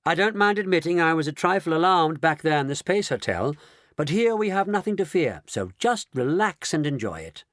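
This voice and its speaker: A man voicing an eccentric, excitable male chocolate maker, speaking in a theatrical, exclamatory way. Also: a little high, brisk, no echo, studio quality, voice pushed up. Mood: calm, reassuring.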